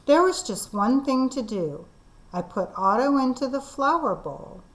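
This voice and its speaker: A woman teacher reading a children's storybook aloud, expressive and deliberate. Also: on the high side, a little hiss or hum, poor audio. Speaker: kindergarten teacher.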